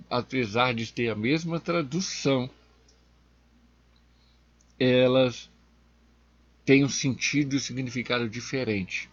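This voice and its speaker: A man teaching from the Bible as a deacon, speaking slowly and emphatically and pushing his voice up on key words. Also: medium pitch, slightly rough, dry recording, lo-fi sound. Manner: slow, emphatic, rising sharply on key words.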